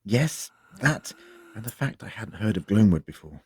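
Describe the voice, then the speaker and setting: A man playing a grave, cautious time-travelling doctor in an audio drama, explaining in an earnest, measured way. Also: lowish voice, big pitch swings, breathy edge, dry recording, heavily acted. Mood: uneasy.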